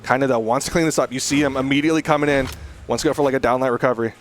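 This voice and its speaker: A man's voice: mid-range voice, fairly even intonation, rapid-fire, a little hiss or hum. A man working as an esports caster, giving play-by-play commentary on a fighting game in short bursts.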